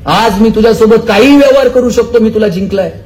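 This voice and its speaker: A man's voice: sits high, brisk, a little mellow, natural voice. A man voicing a proud epic prince who speaks with formal magnanimity, within a motivational speech. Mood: magnanimous.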